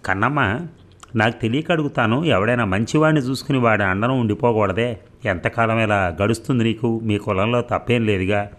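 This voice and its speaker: A kind lady of the house gently questions her servant in an audiobook, as a man reads her part. The voice is soft and fairly low. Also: fairly quick, close to an everyday voice. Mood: gentle.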